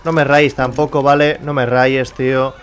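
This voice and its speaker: Swearing Spanish gamer, fed up. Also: male voice, medium pitch, little pitch movement, moderate pace, a little hiss or hum. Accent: Spain Spanish. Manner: exasperated, swears often, talks to game characters. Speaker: gameplay streamer. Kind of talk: casual gameplay commentary. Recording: faint background music and game car sounds.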